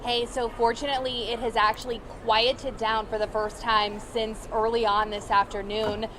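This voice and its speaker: A woman reports live news from a windy street in a conversational style. Her voice is fairly high, and there is clear outdoor noise around her. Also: level tone, moderate pace.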